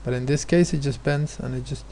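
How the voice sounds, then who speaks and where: A man's voice: medium pitch, fairly even intonation, brisk, warm tone, slight background noise. A male teacher explaining physics exam questions, hesitant, with many fillers and restarts. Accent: non-American, his remark says so.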